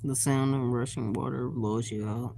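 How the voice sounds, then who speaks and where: A man's voice: medium pitch, steady tone, normal speed, vocal fry, mellow, slight background noise. A man livestreaming late at night from his bed on his phone, talking in a sleepy, laid-back way and swearing a lot. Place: bedroom, lying in bed at night.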